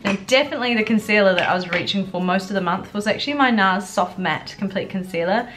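Her mid-range voice moves fast and sounds a bit bright, with slight background noise. Indoors in a furnished living room with background music, the young adult woman, congested from a cold, chats casually and somewhat subdued through her beauty vlog makeup tutorial.

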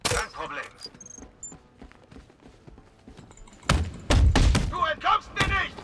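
A jittery, aggressive armed henchman in a video game, barking short callouts. His high, very sharp voice sounds distant, over faint noise. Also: huge pitch swings, normal speed, full character voice. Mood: alert, aggressive. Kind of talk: game combat barks.

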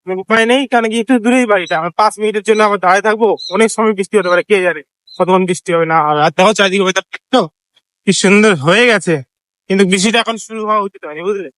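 A fast, chatty man with a Bengali accent, vlogging from his phone with a sore, scratchy throat. His talk is quick and teasing, and the sound is close and dry. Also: high voice, fairly bright tone, no echo. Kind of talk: casual vlog chat.

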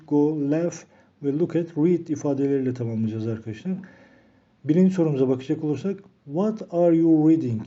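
Dark-voiced man teaching English grammar. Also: on the high side. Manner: slows down to read English examples aloud. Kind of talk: grammar lesson. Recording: dull lo-fi recording.

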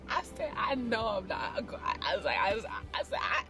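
Sitting in a parked car and filmed by a dashboard camera, a young woman vlogger tells an animated storytime, expressive and dramatic, full of slang and quick asides. Her voice is on the high side.

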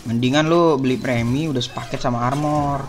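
A man's voice: mid-range voice, fairly even intonation, brisk, a little hiss or hum. A young man from Indonesia giving casual gameplay tips, chatty and slangy, calling his viewers boss and buddy. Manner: slangy, chummy, addresses viewers as bos and coy. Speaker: gaming YouTuber.

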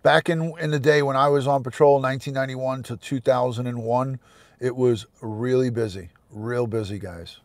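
Middle-aged man commenting casually, mid-pitched. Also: fairly even intonation, normal speed, no echo. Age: 50s. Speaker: host, retired police detective. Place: inside a parked car.

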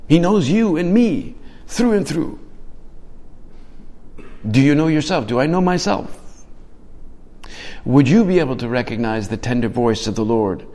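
A man's voice: on the high side, lively intonation, unhurried, long pauses, warm tone. A man giving a reflective homily, asking his listeners many questions and often restarting his phrases. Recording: hall reverb.

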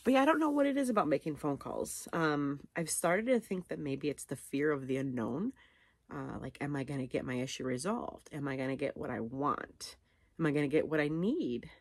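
A middle-aged woman vlogger with a low voice speaks casually to camera from her living room couch, unscripted. Rambling and self-deprecating, she thinks aloud, and the recording is dry.

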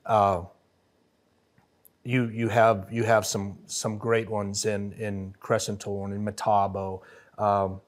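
A middle-aged man with a somewhat low voice guides a podcast chat from a studio mic. He is easygoing and affirming, keeping the talk moving with a relaxed, friendly touch. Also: takes it slowly. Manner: affirming, easygoing, laughs often. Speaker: podcast host. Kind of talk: casual interview chat. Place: wood-paneled podcast studio. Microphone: studio mic on boom arm.

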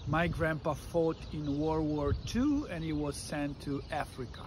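A man's voice: a little high, measured pace. Casting: middle-aged father, informal, explaining to a child in simple phrases, noisy outdoor phone recording. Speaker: father and guide. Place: outdoors on a city street. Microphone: phone camera a step or two away. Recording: outdoor phone recording, clear ambient noise.

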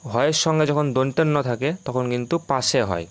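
Male teacher, clear resonant voice, repeats sample words slowly for a lesson video. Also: medium pitch, dry recording. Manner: explains slowly, repeating words to model their sounds.

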